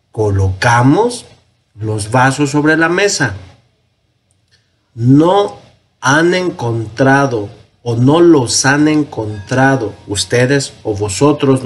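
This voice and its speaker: A man with a Mexican Spanish accent teaching a Hebrew grammar lesson, explaining slowly and step by step and correcting himself as he goes. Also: mid-range voice, slightly rough. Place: parish.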